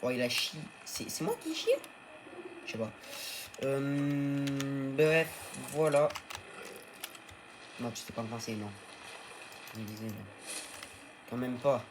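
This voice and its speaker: A man of middling pitch talks his way through a survival game, coaxing and cheering on his tamed animals in a loose, chatty let's-play manner. A steady hiss of noise and game ambience sits under his voice. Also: slow, long pauses. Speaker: gaming video host. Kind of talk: casual let's-play commentary.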